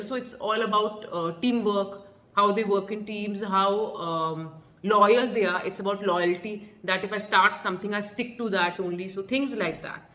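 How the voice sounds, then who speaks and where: A woman's voice: medium pitch, a bit bright. A woman with an Indian accent giving an explanatory coaching talk as a pageant coach, earnest and instructive, repeating points for emphasis. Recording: roomy echo.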